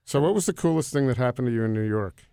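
A man's voice: mid-range voice, lively intonation, fast talker, vocal fry, dark tone, clean tone, no room sound, studio quality. A man from Connecticut hosting a food podcast, asking long rambling questions with many restarts. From Connecticut, United States. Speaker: podcast host, interviewer. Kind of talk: casual interview conversation.

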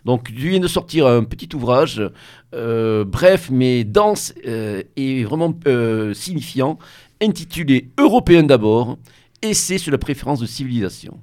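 A man's voice: mid-range voice, animated, measured pace, a little mellow. A man hosting a radio interview, introducing his guest with a hesitant delivery full of fillers and restarts. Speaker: radio show host.

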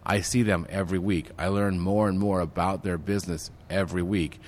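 A man's voice: low voice, fairly quick, slight background noise. A man being interviewed about his networking group, recorded in a large golf course banquet room where his voice rings with a big hall echo. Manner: steady and explanatory. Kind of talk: interview guest explaining at length.

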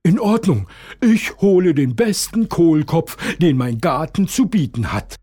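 A man voicing a stubborn, hot-tempered male rabbit neighbor in a storybook reading, shouting back high and loud. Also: animated, a little slow, husky. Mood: agreeable. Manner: shouting, contrary.

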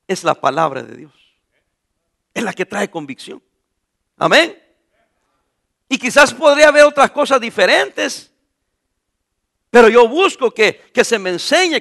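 A man's voice: high-pitched, sharp tone. A man preaching a sermon as pastor, who asks his listeners questions, answers them himself and repeats key phrases for emphasis.

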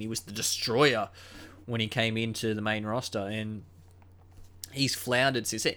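A young man hosting a solo podcast in a casual, rambling way, full of ums and uhs and a flat, unimpressed tone. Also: fairly low pitch. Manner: unenthusiastic, dismissive. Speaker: podcast host.

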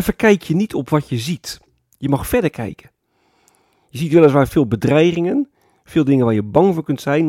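A man preaching a sermon as pastor, explaining calmly and often adding a tag word to his points. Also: medium pitch, dry recording, studio quality. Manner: calm explanatory preaching with frequent "hè" tags.

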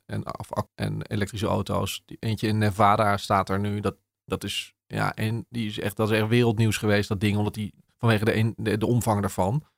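A man's voice: on the low side, level tone, moderate pace, vocal fry, hardly any pauses, no echo, clean studio sound. A man being interviewed as the journalist behind an article. He talks conversationally and hesitantly, often restarting and using fillers. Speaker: journalist discussing his article.

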